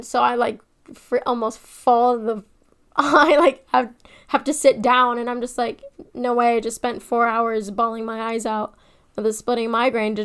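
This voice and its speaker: A young woman with a fairly high voice recounts a personal family story. Her delivery is emotional, dropping to a hush in the sad stretches and rising sharply when the story turns. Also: clear, resonant tone. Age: young adult. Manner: emotional, swings from hushed to excited.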